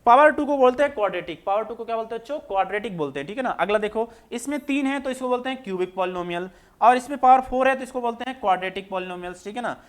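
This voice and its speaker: A man. He keeps asking the class questions and answering them himself, repeating each point in a patient, drawn-out way. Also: very high voice. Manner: repetitive, asks students questions then answers them. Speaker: maths teacher. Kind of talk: classroom lecture explaining on screen.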